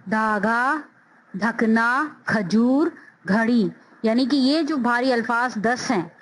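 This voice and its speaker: A woman's voice: fairly high pitch, a bit bright, a little hiss or hum, poor audio. A woman teaching a phonics lesson, drawing out each syllable with careful enunciation.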